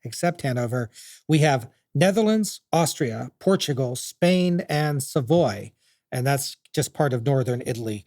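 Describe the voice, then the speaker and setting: A man's voice: medium pitch, expressive, measured pace, darkish tone, no echo, studio quality. A man hosting a podcast, telling history in a chatty, jokey, casual way. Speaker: podcast host.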